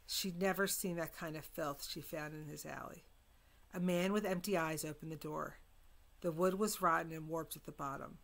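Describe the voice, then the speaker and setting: Woman reading a novel aloud, gravelly. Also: sits low, fairly bright tone. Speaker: reader.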